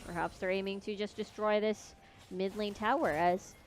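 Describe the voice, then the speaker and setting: A young woman casting a live esports match, giving relaxed analysis. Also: medium pitch, moderate pace. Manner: relaxed analysis, laughs easily. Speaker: esports caster.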